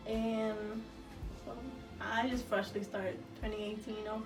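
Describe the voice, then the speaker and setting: An eighteen-year-old woman born in El Salvador, who moved to the United States as a child, co-hosts a casual Q&A vlog in a slangy, candid style. Her mid-range voice has little pitch movement and an unhurried pace, picked up by a distant mic in a roomy space with music behind.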